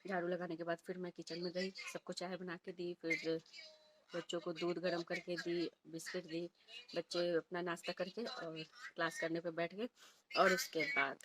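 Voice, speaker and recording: A woman in her thirties chatting softly in a casual home vlog, recorded at home on a phone set a little way off. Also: on the low side, level tone, moderate pace, background noise. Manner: speaks softly and quietly. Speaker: vlogger and homemaker. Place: indoors at home. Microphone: phone placed a little way off.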